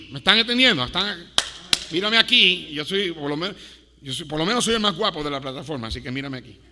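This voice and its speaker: A high-voiced man preaches a sermon to his congregation, swinging dramatically between hushed and loud delivery and tossing playful asides to the listeners. A long hall reverb trails his words.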